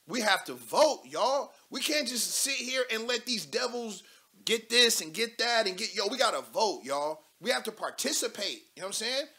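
A man in his thirties hosting a live political call-in show from a studio desk, talking loud and animated with casual slang and cursing. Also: high voice, moderate pace. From United States. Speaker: talk show host.

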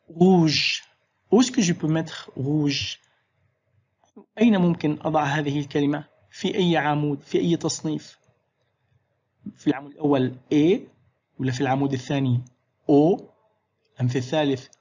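A teacher giving a slow, clear spelling and pronunciation lesson in French, switching into Arabic to explain. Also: medium pitch, darkish tone, dull audio. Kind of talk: classroom language lesson.

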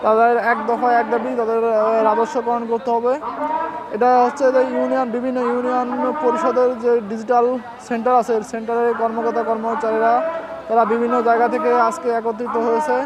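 A man's voice: extremely high pitch, brisk, heavy background noise. A man reporting live from a street protest in light rain, steadily describing the scene for viewers. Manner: steady commentary with fillers, pointing viewers to the scene. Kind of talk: live on-the-spot news report. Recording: street recording with loud crowd. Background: crowd chanting slogans.

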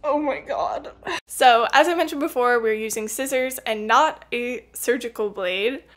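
Speaking at a normal pace in a fairly high voice, a young woman walks viewers through plant tissue culture on her channel. Her casual voice-over and live coaching are friendly and patient, broken up by little laughs.

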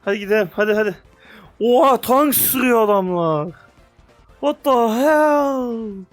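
A young man giving casual, excitable commentary on a VR game, slangy, with loud outbursts, sometimes speaking English. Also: extremely high pitch, a little slow, dry recording, soft background music. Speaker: gaming youtuber.

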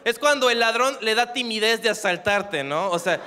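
High-voiced deadpan Mexican comedian. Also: male voice, moderate pace, long reverb tail, a little hiss or hum. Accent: Mexican Spanish, non-coastal. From Acapulco, Mexico. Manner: deadpan, dark, addresses the crowd. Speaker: stand-up comedian. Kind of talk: stand-up comedy set. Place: comedy stage before a live audience.

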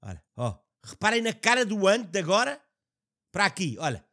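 A young man with a European Portuguese accent, excitedly commenting on a clip he is reacting to, swearing and laughing. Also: high-pitched, a little fast.

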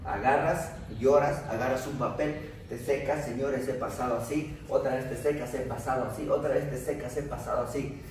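A man's voice: medium pitch, fairly even intonation, moderate pace, darkish tone. Guy coaching a group, keeps repeating himself, very echoey room, mic far off, faint noise. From Peru. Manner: emphatic, repeats questions, asks sí o no. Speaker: motivational coach. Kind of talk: motivational talk to a group during workout.

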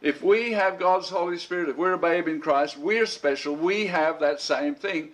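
A middle-aged man teaching an informal Bible school lesson, his voice a bit higher than most men's. He rambles in a conversational way, repeating words as he restarts his sentences. He clears his throat now and then between thoughts. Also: moderate pace, a bit bright.

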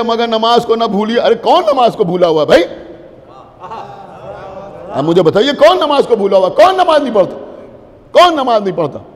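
High-pitched man preaching in an echoing hall. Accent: Lucknow Urdu. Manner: declamatory, repeats phrases, shouts rhetorical questions to the crowd. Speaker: Shia cleric giving a majlis. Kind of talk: impassioned Urdu sermon. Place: religious gathering hall. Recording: long reverb of a large hall.

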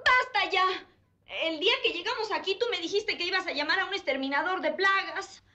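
An actress playing a jealous, suspicious, nagging wife in a comedy film. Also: female voice, very high-pitched, a little fast, pushed and bright, faint music behind. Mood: suspicious, indignant. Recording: echoey, faintly noisy film soundtrack.

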